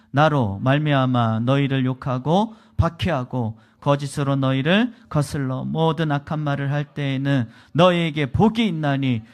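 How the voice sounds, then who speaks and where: A male pastor preaching a sermon, telling a story with emphasis and swinging between loud lines and hushed ones. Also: a little high, vocal fry. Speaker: guest pastor.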